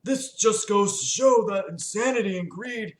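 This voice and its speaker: A woman voicing a haughty, scornful male archangel leader with a slow, mocking, lofty delivery. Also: medium pitch, close to an everyday voice. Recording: roomy echo.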